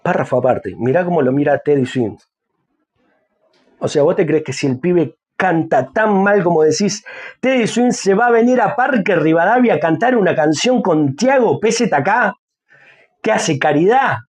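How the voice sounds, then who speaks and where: Speaking at a normal speed, a man with a husky, high-pitched voice and lively intonation reacts to a music video on YouTube. He has an Argentine Spanish accent, keeps it chatty, talks right to his audience, and breaks into hummed or sung snippets while faint music plays behind him.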